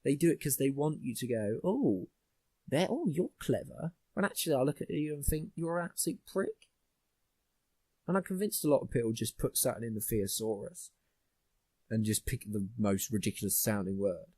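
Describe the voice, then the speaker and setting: A man's voice: mid-range voice, fast, darkish tone, slightly rough, dry recording. A young man hosting a podcast, ranting bluntly with plenty of swearing in casual chat. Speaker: podcast host.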